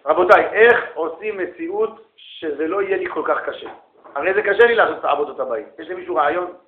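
A man lecturing as a rabbi, animated, calling listeners brother and asking rhetorical questions. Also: on the high side. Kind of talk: lively religious lecture. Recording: echoey room, tinny phone-like sound.

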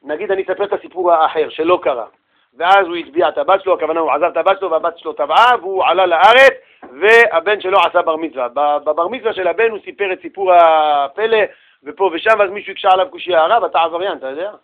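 A man with a notably high voice speaks to a small group of listeners, retelling a religious tale in an informal, slangy way. He keeps the story animated, turning often to his listeners and slipping into the voices of the people in it. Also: narrow, tinny audio. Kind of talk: casual religious talk with storytelling.

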